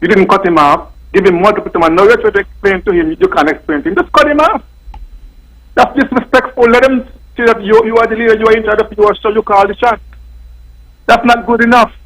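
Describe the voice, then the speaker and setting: This is a male radio caller heard over a phone line, his voice placed high and sounding far from the mic. He speaks in a lecturing, scolding way, telling the host what he ought to do. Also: fairly even intonation, fairly quick, a bit bright. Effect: heard over a phone line from a distance. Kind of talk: call-in radio chat.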